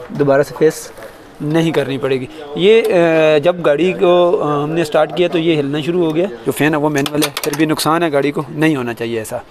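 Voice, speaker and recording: A man with a Pakistani Urdu accent, working on an open car engine outdoors and earnestly explaining the repair step by step as a mechanic host. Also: on the high side. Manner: earnest, advising, points things out as he works. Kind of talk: hands-on repair tutorial. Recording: noisy outdoor engine bay. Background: engine running, street ambience.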